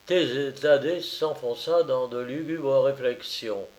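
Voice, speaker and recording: A man narrating a novel in a measured storytelling manner. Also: medium pitch, darkish tone. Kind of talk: scripted audiobook narration.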